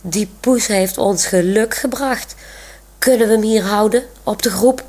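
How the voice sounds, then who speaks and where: A woman reading aloud voices a cheerful, proud young man in a wheelchair, with a slow, gentle delivery. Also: mid-range voice, natural voice. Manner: proud, grinning.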